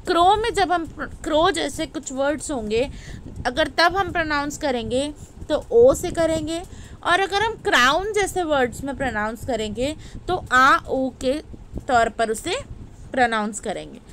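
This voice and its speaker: An Indian woman teaching a class in a bright, high voice. She speaks slowly and patiently, poses questions and answers them herself, over a faint background hum. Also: low-quality recording. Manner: slow and explanatory, repeating questions to students. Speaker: English teacher. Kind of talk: classroom lesson in Hindi-English mix.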